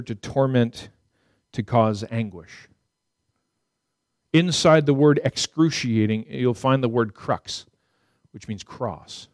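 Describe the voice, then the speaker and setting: A man preaching a sermon as dramatic storytelling, swinging from loud, high peaks to hushed, low passages. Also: no echo, studio quality.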